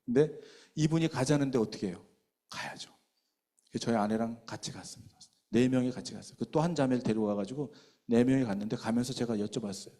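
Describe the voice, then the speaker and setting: A middle-aged man preaching as a pastor, telling a testimony in an animated storytelling manner and acting out the people he quotes. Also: mid-range voice, fast. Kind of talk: sermon testimony. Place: church meeting hall.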